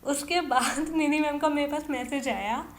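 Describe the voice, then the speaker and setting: A woman's voice: sits high, steady tone, moderate pace. Chatty young woman in echoey room. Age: young adult. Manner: chatty, mixes English phrases into her talk. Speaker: podcast host. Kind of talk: casual storytelling. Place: bedroom. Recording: echoey bedroom recording.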